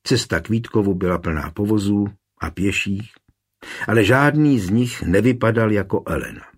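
A man with a low, husky voice narrates a historical story at a measured, even pace. His breathy tone stays calm throughout. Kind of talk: audiobook narration.

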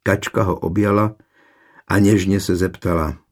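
A man with a gravelly, husky voice reading a historical novel in measured, even narration. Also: deep voice. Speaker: audiobook narrator. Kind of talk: scripted narration.

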